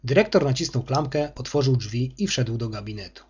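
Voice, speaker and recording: A man reading a story aloud as narrator, in an expressive storytelling manner. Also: mid-range voice, fairly quick, breathy edge, highs cut off. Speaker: audiobook reader.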